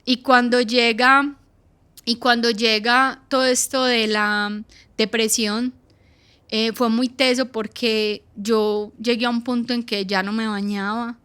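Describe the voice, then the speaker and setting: A woman's voice: fairly high pitch, flat delivery, takes it slowly, fairly bright tone, smooth. A middle-aged woman, giving an earnest personal faith testimony and acting out her own past words.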